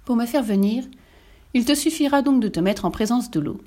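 A wise immortal mermaid from a fairy tale, voiced by a woman reading aloud. She speaks gently and knowingly, just a little higher than the narration. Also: expressive, a little fast. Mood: reassuring. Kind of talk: storybook reading.

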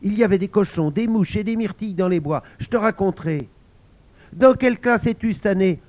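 A man voicing an excited schoolchild chattering with friends on the first day back, in a storybook reading. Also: sits high, fairly quick, pitched above the performer's own voice, lightly acted. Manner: gushing, chattering. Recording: dull lo-fi recording.

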